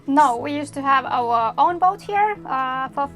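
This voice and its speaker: A woman's voice: high-pitched, animated, a little slow, a bit bright. A woman from Finland, a native Finnish speaker, chatting casually in English as an interview guest. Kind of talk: casual conversation. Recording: music in background.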